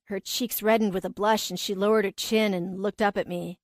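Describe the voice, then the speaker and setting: A woman narrating a romance audiobook in a calm, even storytelling manner. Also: medium pitch, fairly quick, no room sound, studio quality. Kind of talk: scripted narration.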